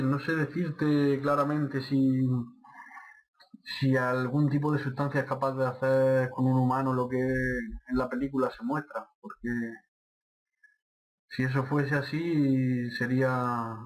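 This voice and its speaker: A man with a medium-pitched voice speaks as a guest on a casual radio show. He explains his views in a plain, unhurried way, with a few short fillers along the way. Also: little pitch movement, poor audio. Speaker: radio guest, film commentator.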